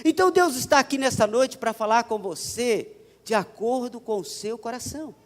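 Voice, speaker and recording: A pastor from São Paulo, Brazil, preaches a sermon in a church with a Paulista Portuguese accent. His very high voice has lively intonation at a normal speed, and his emphatic style repeats phrases, with church hall reverb in the recording.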